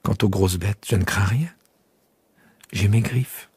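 A man's voice: on the low side, slow, a little mellow, slightly rough, dry recording, full character voice. A man voicing a proud, fragile female flower in an audiobook, tender while hiding tears. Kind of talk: audiobook character voice.

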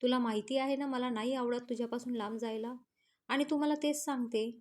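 A woman's voice: a little high, steady tone, brisk, darkish tone, close to an everyday voice. A woman voicing a possessive, hot-tempered young husband in a storybook romance, speaking in a raised, demanding way. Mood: angry.

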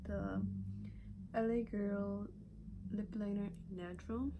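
A woman's voice: mid-range voice, slow, dull audio. A woman narrating a makeup tutorial in a casual way, cursing freely and dropping into whispered asides. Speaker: beauty vlogger. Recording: steady background noise.

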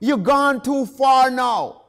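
High-pitched, slow, impassioned male preacher. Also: creaky. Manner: impassioned, rising to shouts on key phrases. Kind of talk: sermon.

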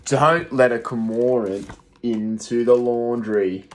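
A young male teacher with a mid-range voice slowly reads a rhyming picture book to young children, rhythmic and expressive. He sits in a small room, captured by a phone close in front of him.

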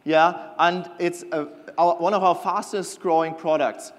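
A middle-aged man giving a conference keynote on a large stage, enthusiastic and a little halting with fillers. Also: fairly high pitch, fairly even intonation. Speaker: keynote presenter, product manager. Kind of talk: conference keynote with scripted banter. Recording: long hall reverb.

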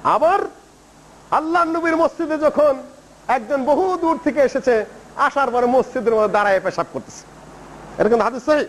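A man from Bangladesh preaching a sermon in an animated storytelling manner, acting out quoted dialogue as he tells it. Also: very high voice, normal speed, long pauses, rough recording. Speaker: Islamic preacher.

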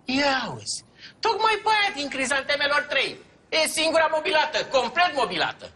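An actress playing a scheming mayor who dodges requests and performs for a camera. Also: female voice, high voice, sing-song, bright, forceful tone, full character voice. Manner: evasive, theatrical. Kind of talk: sitcom acting.

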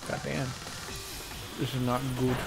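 A young man playing a video game on camera, joking with his co-host in a deadpan, playfully indignant way. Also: medium pitch, a little slow. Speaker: let's play player. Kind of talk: casual gameplay commentary. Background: game music.

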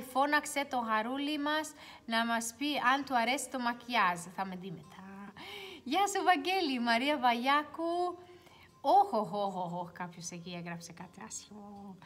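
A young woman hosting a casual makeup livestream, chatting and reading viewer comments aloud, sometimes dropping to quiet mutters. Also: fairly high pitch, expressive. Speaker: beauty livestream host. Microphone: phone.

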